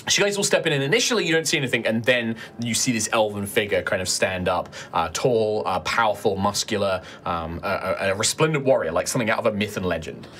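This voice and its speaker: A middle-aged man narrating a tabletop game as game master in a halting, conversational, descriptive way. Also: on the low side, a bit bright, a little hiss or hum.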